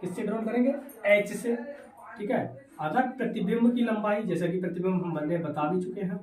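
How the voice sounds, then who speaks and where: A man's voice: high-pitched, steady tone, normal speed, darkish tone, recorded from a distance. A male teacher giving a physics lesson, asking questions and answering them himself, mixing in English terms. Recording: echoey room, voice away from mic.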